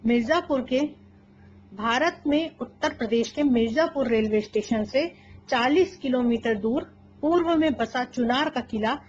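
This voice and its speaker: A woman reading a scripted news feature in a measured, storytelling way. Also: high-pitched, dull audio, a little hiss or hum. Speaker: news presenter.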